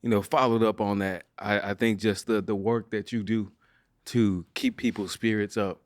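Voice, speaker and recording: A man hosting a podcast, earnest and reflective, quick to laugh with his guest. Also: lowish voice, steady tone, dry recording. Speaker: podcast host. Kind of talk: reflective interview chat.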